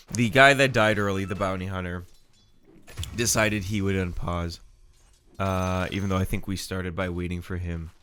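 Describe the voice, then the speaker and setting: A man with a low-pitched, bright and forceful voice calls a video game match live in a loose, chatty way. His nose is audibly stuffy, and he wanders off into asides as he talks. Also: steady tone, a little slow, pauses often, a little hiss or hum. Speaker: game commentator. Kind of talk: casual live commentary.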